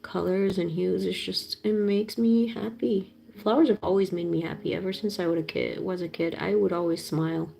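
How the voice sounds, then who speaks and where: A woman's voice: fairly low pitch, steady tone, normal speed, vocal fry, hardly any pauses, mellow. A woman in her thirties, the host of a live painting stream, chatting casually and gushing over her colors. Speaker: art streamer. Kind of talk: casual chat while painting.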